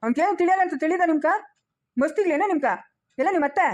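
A woman's voice: very high voice, fast. A woman playing a stern village elder who scolds the household, in a rural Chikkaballapur Kannada accent. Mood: lecturing. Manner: sharp, scolding. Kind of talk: village family skit.

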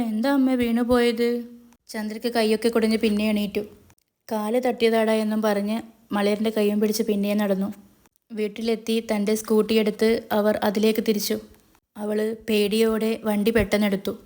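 A woman tells the story of a serial episode, keeping her voice flat and level. Her pitch sits at a middle height for a woman, and she narrates steadily.

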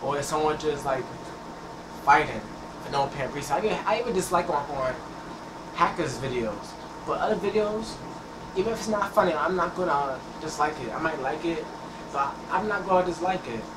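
Talking fairly quickly in a fairly high, expressive voice, a teenage guy hosting a gameplay channel chatters loosely as he plays and keeps restarting his sentences. It's recorded on a headset mic, sounding echoey, distant and noisy.

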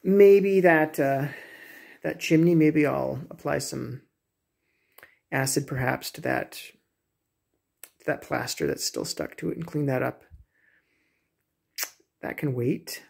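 Gravelly, husky man touring his kitchen. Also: fairly high pitch, slow pace, pauses often, a little mellow. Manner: rambling, hesitant, many fillers and restarts. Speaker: homeowner vlogger. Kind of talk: casual home tour vlog. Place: home kitchen, indoors. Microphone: phone camera, handheld selfie then walking.

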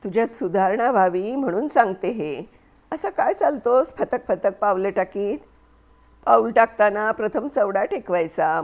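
Woman doing a shrill bossy young wife, loud and nagging, pitch way up. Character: shrill, scolding young wife, sharp-tongued.

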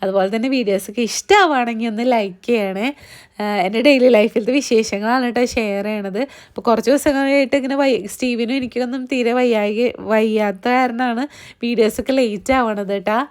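A young woman narrating her daily vlog in a chatty way, her voice partly gone and hoarse. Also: on the high side, fairly quick. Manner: chatty, fills with "appo" and "kettō". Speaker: vlogger.

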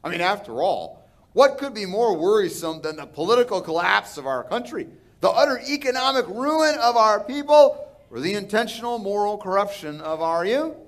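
This pastor, a man in his thirties with a Texan accent, delivers an earnest sermon at a moderate pace, his high, very animated voice rising and falling in emphasis. He speaks into a pulpit microphone in a large church sanctuary.

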